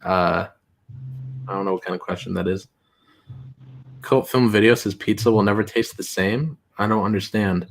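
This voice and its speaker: A man hosting a casual livestream, reading chat aloud in a rambling, halting way with many fillers. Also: on the low side, fairly even intonation.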